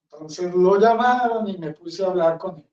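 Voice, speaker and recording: A man's voice: high-pitched, moderate pace, darkish tone. A man, a friar, preaching a homily in a blunt, rambling, conversational way. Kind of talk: sermon. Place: chapel. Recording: roomy, distant, dull sound.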